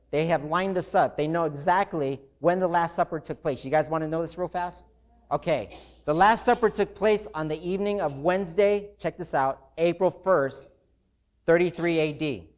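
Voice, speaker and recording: A man's voice: fairly high pitch, darkish tone. A man preaching a sermon to a congregation, talking casually and growing emotional and intense.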